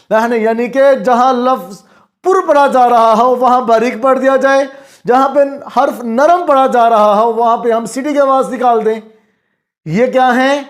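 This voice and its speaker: Male recitation teacher, very high voice, self-answering questions, slow chanted examples. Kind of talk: explanatory lesson.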